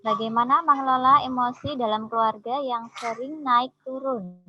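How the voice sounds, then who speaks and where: Bright, breathy woman moderating a call. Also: a little high, fairly even intonation, normal speed, highs cut off. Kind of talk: moderating an online session.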